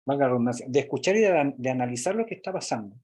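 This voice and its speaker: A man's voice: mid-range voice, expressive, rapid-fire, a little mellow, husky. A man teaching a workshop, explaining step by step and often checking in with tag questions. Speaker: workshop instructor. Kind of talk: recorded online workshop lesson.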